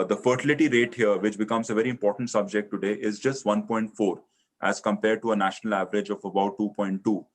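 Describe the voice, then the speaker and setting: Indian guy with a lowish voice hosting a live session, kinda halting as he presents. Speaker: session host introducing a guest. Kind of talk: presentation and guest introduction in a live online session.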